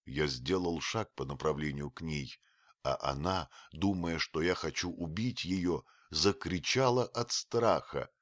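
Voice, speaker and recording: A man narrating an audiobook in a measured, unhurried way. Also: rumbling low, no echo, clean studio sound. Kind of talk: audiobook reading.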